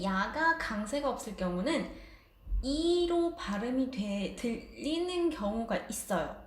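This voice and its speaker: A woman's voice: medium pitch, echoey room. A woman teaching a casual online language lesson, explaining patiently with light laughs.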